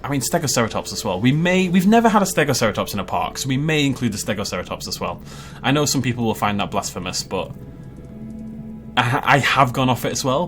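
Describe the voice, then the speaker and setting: A fairly bright, mid-range male voice belongs to a game channel host who chats casually while laying out a park in a video game. He laughs a lot and makes playful asides along the way.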